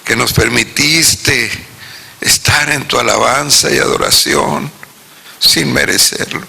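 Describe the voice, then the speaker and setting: A man with a northern Mexican accent leading a closing prayer and benediction in church, measured and prayerful. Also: mid-range voice, gravelly, bright, forceful tone, husky. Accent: northern Mexican Spanish. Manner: slow, measured praying. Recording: church service with music behind.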